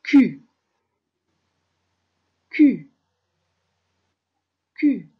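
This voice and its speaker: A woman's voice: high voice, animated, drawn-out words, husky, lo-fi sound. A woman teacher reading words syllable by syllable for young children. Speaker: primary school teacher. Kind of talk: televised reading lesson for children.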